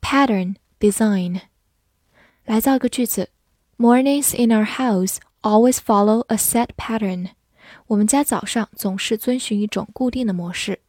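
A woman who is a Chinese-speaking English teacher, patiently spelling words letter by letter and reading example sentences slowly. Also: medium pitch, darkish tone, dry recording, studio quality. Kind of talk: vocabulary lesson, spelling and slow read-alongs.

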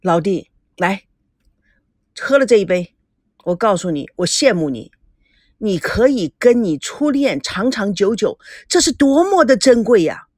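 A woman's voice: mid-range voice, big pitch swings, unhurried, a little mellow, no room sound, clean studio sound. A woman reading the lines of a playful, teasing young man, a charming bad-boy producer in an audiobook story. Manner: teasing, brotherly.

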